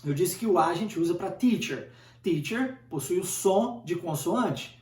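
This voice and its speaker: A man's voice: high voice, expressive, measured pace, a little mellow. A man giving an informal English lesson, talking conversationally, repeating points and checking in with rhetorical questions. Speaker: English teacher. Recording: roomy, distant from the mic.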